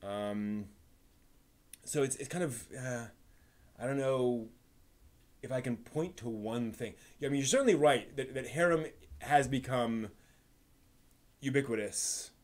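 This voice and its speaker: Speaking at a medium pitch, this live stream host talks casually and analytically, explaining as he goes. His rambling is marked by frequent halts and repeated words while he works through his thoughts.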